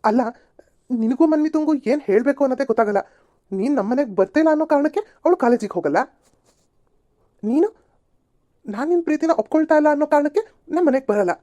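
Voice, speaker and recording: An exasperated young cartoon man, as a woman acts him out, scolding in a rapid patter. His voice sits a little high yet dark and mellow. He keeps trying to talk sense. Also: expressive, no echo, dull audio. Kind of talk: amateur cartoon voice acting.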